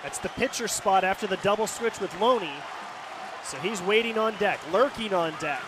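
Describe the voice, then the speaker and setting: An American man does live radio play-by-play for a baseball game, describing the action as it unfolds. His voice sits high and he speaks at a normal speed. Loud crowd noise and outdoor stadium ambience fill the background.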